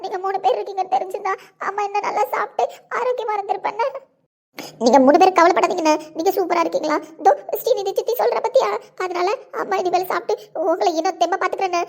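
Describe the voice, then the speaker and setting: A woman playing a tearful young mother-to-be. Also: very high voice. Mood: overjoyed tearful. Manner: tearful, laughing, talks rapidly. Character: emotional young pregnant woman expecting triplets. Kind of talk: home video drama acting.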